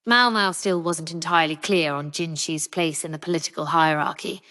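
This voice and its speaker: A woman reading a novel aloud as an audiobook narrator, measured and even. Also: sits low, big-room sound.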